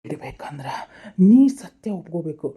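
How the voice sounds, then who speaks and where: A woman's voice: sits low, lively intonation, moderate pace, mellow, breathy edge, exaggerated voice. A woman playing a vengeful female spirit, accusing, taunting and wailing. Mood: demanding. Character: vengeful female spirit possessing someone, demanding truth.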